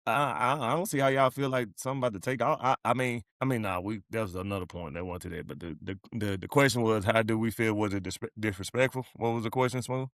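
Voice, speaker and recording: Low-voiced guy on a podcast, blunt and cuts in, dry sound. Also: fairly even intonation, quick pace, hardly any pauses, fairly bright tone, dry recording. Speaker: podcast co-host. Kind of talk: casual chat.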